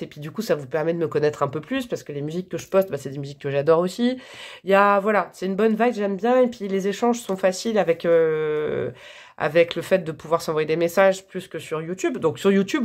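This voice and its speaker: A woman's voice: fairly low pitch, fairly quick. A woman reading tarot for her viewers in a chatty, casual way, with many fillers and frequent laughs. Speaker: tarot reader.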